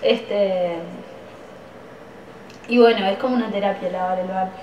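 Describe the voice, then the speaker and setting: A woman's voice: medium pitch, fairly even intonation, a little slow, a little mellow, a little hiss or hum. A woman speaking enthusiastically in a documentary interview. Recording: dull, roomy, distant clip.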